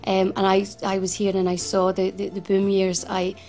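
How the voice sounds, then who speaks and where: A Glasgow woman in her forties, founder of a financial advice service, gives personal interview testimony in an earnest way, often restarting and repeating herself. Her medium-pitched voice is monotone and warm, at a normal speed.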